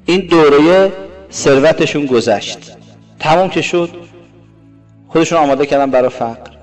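A man preaching a sermon. He swings between loud, emphatic rises and soft, low asides, and draws out quoted Arabic phrases slowly. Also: soft background music. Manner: drawn-out Arabic quotations.

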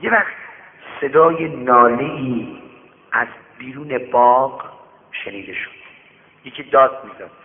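A man preaching through a moral story, speaking lively and turning to warn his listeners directly. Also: medium pitch, pauses often. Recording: tinny radio broadcast with long reverb.

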